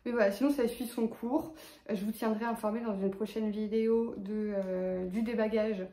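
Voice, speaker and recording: A woman's voice: mid-range voice, steady tone, moderate pace, warm tone, reverberant. A woman with a lisp on her s sounds, talking casually and hesitantly in a personal vlog update. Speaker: vlogger.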